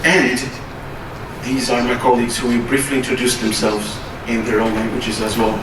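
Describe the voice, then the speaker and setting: A man who is a native Portuguese speaker gives a formal conference presentation, measured and pausing often with "uh". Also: mid-range voice, flat delivery. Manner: measured, with frequent hesitations. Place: conference hall. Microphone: distant from the recorder. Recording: roomy, distant hall recording with noise.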